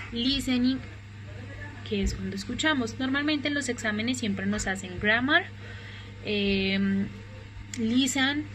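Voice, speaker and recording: A woman's voice: fairly high pitch, fairly bright tone, slight background noise, poor audio. Patient Spanish-speaking woman teaching English. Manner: patient, repeats examples slowly. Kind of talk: recorded online class explanation.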